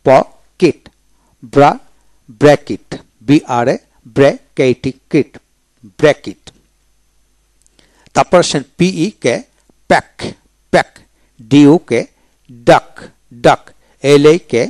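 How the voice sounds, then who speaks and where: A man's voice: fairly high pitch, darkish tone, dry recording. A man teaching English pronunciation, spelling each word out letter by letter and repeating it. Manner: slow, drilling each word twice.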